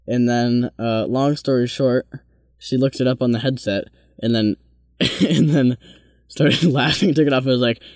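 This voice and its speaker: A man's voice: medium pitch, a little slow, a little mellow, no echo, clean studio sound. A man co-hosting a podcast, telling stories in a playful, teasing way and acting out what people said. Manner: playful, teasing, chatty, quotes people in their own voices. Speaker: podcast co-host. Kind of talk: casual chat, telling stories.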